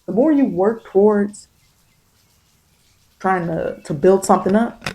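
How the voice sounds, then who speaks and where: Her voice is warm and medium-pitched, her pace measured, and the recording has its highs cut off. This woman reads tarot and offers spiritual guidance in an informal, ASMR-like monologue, repeating emphatic phrases and speaking in everyday vernacular directly to the listener.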